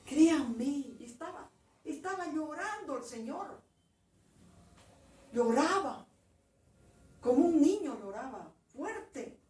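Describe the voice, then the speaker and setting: A woman preacher tells her testimony with feeling, stumbling and restarting as she goes. Her voice sits a little high, and it is caught from a distance in a roomy hall with faint noise behind. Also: expressive, slow pace, long pauses, a little mellow. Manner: emotional storytelling with frequent restarts. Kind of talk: sermon with personal testimony. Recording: echoey room, distant mic, faint noise.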